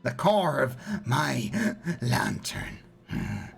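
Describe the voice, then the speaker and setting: A man voicing a sinister old coroner in a tabletop game, with a breathy, whispery voice and a slow, halting, dry clinical delivery. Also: mid-range voice, wildly swooping pitch, soft background music, heavily acted. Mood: cold, measured.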